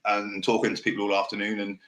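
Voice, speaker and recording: A man's voice: fairly low pitch, completely flat delivery, a bit bright. Rambling man who says w for r. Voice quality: can't pronounce R's properly, saying w for r. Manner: fast, direct, passionate delivery that can sound angry; rambling, loses his thread and restarts. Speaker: podcast host. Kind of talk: off-the-cuff casual monologue.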